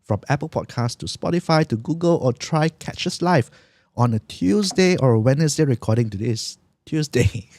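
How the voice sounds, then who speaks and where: A man's voice: medium pitch, lively intonation, normal speed, darkish tone. Malaysian man hosting in slangy English. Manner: Malaysian English slang with particles like lah, meh and mah. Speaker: podcast host. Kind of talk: casual chat.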